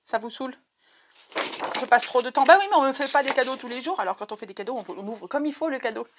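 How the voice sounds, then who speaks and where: Through a headset, an overexcited crafting vlogger gushes over an unboxing, her heart pounding as she repeats her words to viewers. Her high-pitched voice moves at a quick pace, with background noise behind it.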